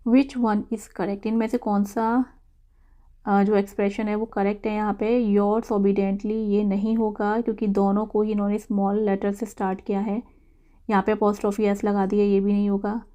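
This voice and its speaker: An English teacher goes through exam quiz answers, reading each English question slowly before explaining it in Hindi. Her voice is mid-range, level, and mellow.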